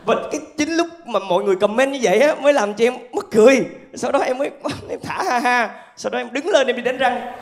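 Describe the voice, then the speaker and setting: A man with a southern Vietnamese accent performing animated stand-up storytelling to a live audience through a handheld microphone. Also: very high voice, quick pace, a little hiss or hum. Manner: animated storytelling with acted-out asides. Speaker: stand-up comedian. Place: theatre stage with laughing audience.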